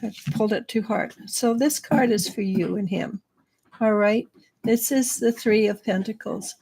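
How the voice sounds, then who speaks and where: A woman's voice: mid-range voice, unhurried, gravelly, a little mellow, breathy edge. A woman giving live tarot readings in a chatty way, laughing now and then. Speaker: psychic reader.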